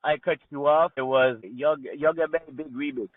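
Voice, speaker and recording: Guesting on an interview, a rapper from Montreal, Canada keeps it casual and laid-back, using lots of slang plus frequent "you know," "man," and "bro." His voice is a little high and steady, at a moderate pace. It sounds like a tinny phone call, with no echo.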